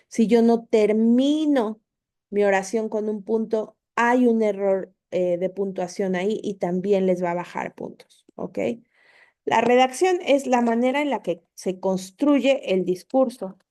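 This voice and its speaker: A woman with a dark-toned, mid-range voice teaches spelling and punctuation in an online course. She's patient, repeats what matters and regularly asks her students "¿ok?"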